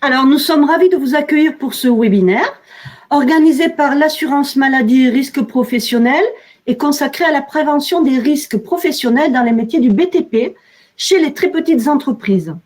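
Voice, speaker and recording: A woman with a southern French accent from the Midi-Pyrénées introduces and moderates a webinar, speaking in a measured way with frequent fillers. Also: high-pitched, a little mellow. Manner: measured, with frequent "alors" and "euh". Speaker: webinar moderator, communications officer.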